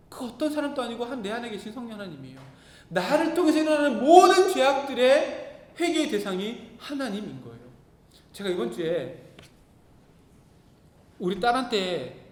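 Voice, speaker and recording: A man in his thirties preaching, telling a personal story in an earnest way. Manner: earnest, storytelling, acts out his own quoted words. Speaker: pastor. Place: church hall. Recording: echoey hall, faint rumble.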